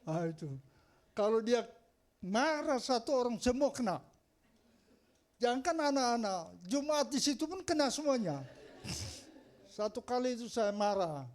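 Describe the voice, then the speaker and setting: A man's voice: very high voice, sing-song, unhurried, long pauses, a little mellow. A male pastor giving a chatty, humorous storytelling sermon in church, often laughing as he tells anecdotes.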